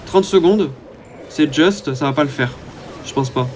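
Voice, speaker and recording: A man's voice: on the high side, measured pace, a little hiss or hum. Chatty man narrating his gameplay. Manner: chatty, hesitant, many "euh" fillers. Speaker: gaming YouTuber. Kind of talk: casual gameplay commentary.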